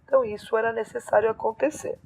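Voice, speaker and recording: A woman's voice: a little high, fairly even intonation, fast talker, gravelly, darkish tone, slightly rough. A woman teacher explaining poetry scansion step by step, counting syllables aloud in a lesson. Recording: phone-like narrow sound.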